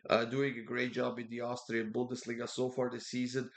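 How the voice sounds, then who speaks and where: With a completely flat delivery, medium pitch and vocal fry, a man with a cold-clogged voice gives casual soccer betting predictions. His speech halts, loaded with "uh" fillers and repetition, typical of a relaxed tipster preview.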